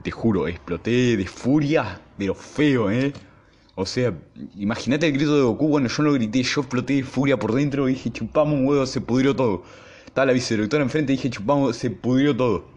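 A young man with an Argentine accent, hosting his podcast and telling a school story in a casual, slangy, animated way. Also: mid-range voice, a little fast. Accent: Argentine Spanish. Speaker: podcast host.

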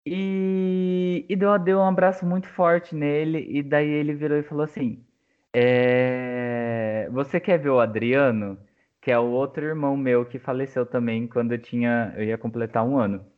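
A young man chatting casually and telling a personal story in an emotional, halting way, full of fillers. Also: fairly high pitch, level tone. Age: young adult. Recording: tinny phone-like audio.

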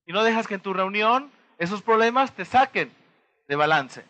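A Mexican-accented man delivers a motivational talk in a high, bright voice. He keeps turning to his listeners with quick rhetorical questions and acts out small dialogues as he goes. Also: lively intonation, highs cut off. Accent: Mexican Spanish. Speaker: motivational speaker.

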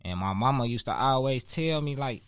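Speaking in a Chicago accent, this man in his twenties from Chicago chats casually as an interview guest, full of street slang, swearing and emphatic repetition. He has a smooth, mid-range voice with lively intonation at a normal pace. The sound is clean studio audio with no echo.

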